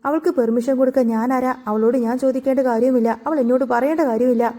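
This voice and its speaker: A sneering, scheming matron hurling taunts, as a woman narrator reads her lines. The voice sits high and mellow, and it stays mocking throughout this storybook telling. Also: fairly even intonation, fast. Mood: scornful. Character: scornful scheming middle-aged woman, Vaijayanthi.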